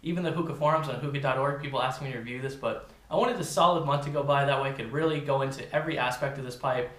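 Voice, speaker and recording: A man's voice: mid-range voice, very fast, a bit bright, reverberant. A man giving a casual, informal product review, talking directly to his viewers. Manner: informal, addresses viewers as "you guys".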